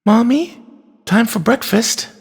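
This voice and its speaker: A man reading an audiobook, voicing a small, dutiful young girl who speaks softly and earnestly. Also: very high voice, slow, creaky, slightly rough, voice pushed up, heavily acted. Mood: worried.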